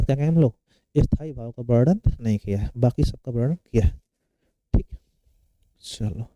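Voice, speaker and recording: A man's voice: medium pitch, dark tone, no echo, muffled recording. A male teacher giving an exam-prep Hindi lesson, asking questions and answering them himself, repeating the key words.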